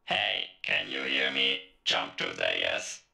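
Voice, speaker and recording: A man voicing the old male game AI, slow and robotic, through a deep pitch-shift filter. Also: huge pitch swings, gravelly, bright, forceful tone, full character voice. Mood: taunting. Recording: echoey processed voice.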